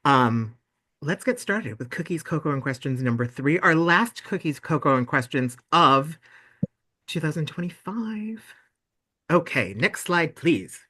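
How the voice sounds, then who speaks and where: A man's voice: on the high side, lively intonation, measured pace, pushed and bright. A young man hosting a video-call meeting for volunteers and parents, bubbly and effusive as he gushes over their ideas. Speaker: webinar host for volunteers and parents. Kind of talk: casual online meeting presentation.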